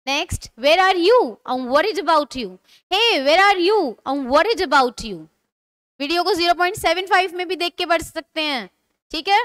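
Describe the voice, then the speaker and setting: Indian lady english teacher, repeats sentences real slow, asks then answers herself, dead dry mic. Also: extremely high pitch, pushed and bright, no echo. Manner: slow drilled example sentences, asks and answers her own questions. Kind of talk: spoken English lesson in Hindi.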